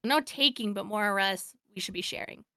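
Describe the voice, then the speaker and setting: A young man from Oregon co-hosting a podcast, thoughtful and agreeable in his replies. His voice is bright and smooth, a bit low for its register, recorded close and dry. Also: brisk, no echo. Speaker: podcast co-host. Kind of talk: casual chat.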